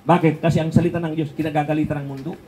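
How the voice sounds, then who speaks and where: A man's voice: on the high side, level tone, very fast, dark tone, low-quality recording. An older man preaching a sermon in a conversational way, asking rhetorical questions and chuckling between points.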